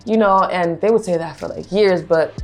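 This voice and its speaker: A young woman from Pennsylvania chats as a talk show guest in a slightly low voice. She fills her talk with "um"s and "you know"s and laughs easily. Faint music plays behind her. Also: normal speed. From Pennsylvania, United States. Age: young adult. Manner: chatty, laughs often, fillers like um and you know. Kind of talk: casual interview chat.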